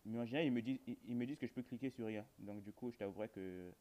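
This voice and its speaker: Speaking very fast in a mellow mid-range voice with the highs cut off, this male video host chats his way through a horror game. His commentary is loose and rambling, aimed straight at viewers, full of everyday slang and deadpan jokes.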